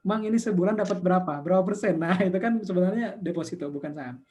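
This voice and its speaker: A man's voice: sits high, fast. A man in his fifties, an investment community founder, explaining money rules in a talk show and acting out callers' questions. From Indonesia. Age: 50s. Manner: explaining with numbers, quotes callers in lively voices.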